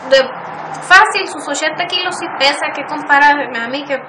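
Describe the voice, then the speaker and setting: A woman giving earnest, halting testimony in an interview, often restarting her words. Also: high-pitched, noisy background. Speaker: interviewee recounting abuse. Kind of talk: emotional testimony.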